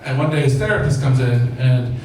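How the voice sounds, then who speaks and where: A man doing crude, irreverent open mic stand-up comedy with a deadpan joke delivery. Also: medium pitch, brisk. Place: small basement comedy club with audience. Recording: very echoey room, distant mic, clear noise. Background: room ambience and noise.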